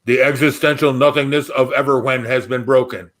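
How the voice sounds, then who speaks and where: A man's voice: medium pitch, steady tone, fairly quick, a bit bright, lightly acted. A man reading the muddled answers of a magic mirror in a spooky story, in solemn, garbled oracle phrasing. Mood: cryptic. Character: cryptic magic mirror spelling out muddled prophecies.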